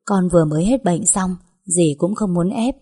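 A woman's voice: on the low side, moderate pace, slightly rough. A woman voicing a doting older matron. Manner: gentle, coaxing, motherly scolding. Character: kind fussing older landowner's wife, doting.

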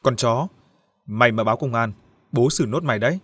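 A man's voice: mid-range voice, normal speed, fairly bright tone, husky. A man voicing a brutal, drunken young man who snarls coarse threats in a storybook reading. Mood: menacing.

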